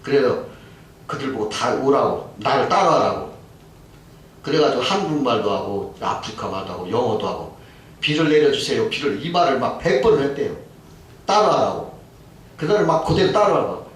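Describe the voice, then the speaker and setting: A man preaching a sermon as pastor, telling a story with lively voices for the people in it. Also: medium pitch, normal speed, heavy reverb, far from the mic, rough recording. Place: church sanctuary.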